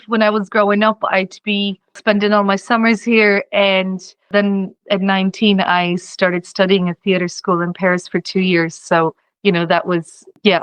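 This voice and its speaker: A young Czech woman, a singer-songwriter appearing as an interview guest, talks casually in a medium-pitched voice. She rambles, saying "you know" a lot and laughing easily. The audio is poor quality, though without echo.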